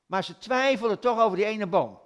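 A man's voice: sits high, brisk. A man preaching a sermon in a church, retelling stories conversationally with rhetorical questions.

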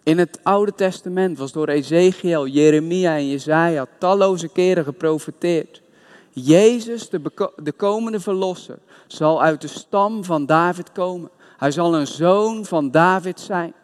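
A man's voice: on the high side, unhurried, long reverb tail. A man preaching a sermon, retelling a scripture story with emphatic storytelling.

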